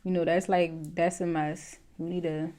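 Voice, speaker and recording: A woman from the South Carolina Lowcountry with a Gullah Geechee accent, chatting casually in colloquial dialect. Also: flat delivery, normal speed, dark tone. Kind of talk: casual conversation.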